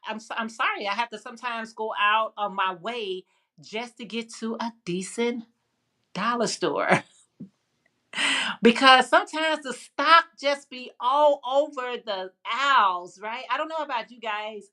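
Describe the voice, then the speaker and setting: A livestream host with a Chicago accent runs a casual live chat, rambling and answering viewer comments. Her fairly high, bright voice has a forceful tone, and she's chatty, full of fillers and restarts.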